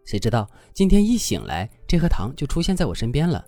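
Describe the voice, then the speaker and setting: A man's voice: mid-range voice, wildly swooping pitch, fast, warm tone, dry recording, faint music behind, voice pushed up. A man voicing a coy young woman who sulks, whines and pleads with her boyfriend. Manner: whiny, wheedling, pouty.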